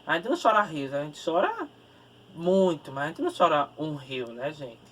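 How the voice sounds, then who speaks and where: A man's voice: fairly high pitch, sing-song, moderate pace, a bit bright. A man teaching a recorded grammar lesson, explaining step by step and ending phrases with tag questions. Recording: distant mic with faint background noise.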